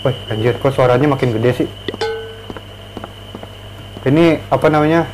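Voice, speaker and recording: A man's voice: medium pitch, moderate pace, over music, rough recording. A young man gives casual, slangy commentary as a horror game streamer, jumpy and easily scared. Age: young adult.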